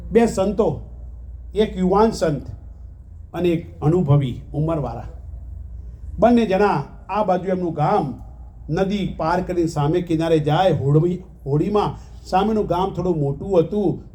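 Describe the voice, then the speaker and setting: A swami with a notably high-pitched voice delivers a devotional sermon built around parables. He acts out each character's dialogue, calls out to his listeners directly, and falls into rhythmic repeated phrases. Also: warm tone. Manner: storytelling that acts out dialogue and often addresses listeners as "saheb"; rhythmic repetition of short phrases. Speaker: swami giving a spiritual discourse.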